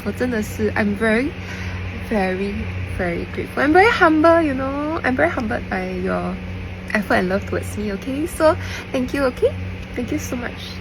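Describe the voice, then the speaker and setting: A young woman with a Singaporean accent talks in a creaky voice, as in a heartfelt, rambling voice message. She leans on repeated phrases and Singlish particles and drops into Mandarin at times. Clear background noise sits behind her. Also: expressive, moderate pace. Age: young adult. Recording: noisy, vehicle-like background rumble.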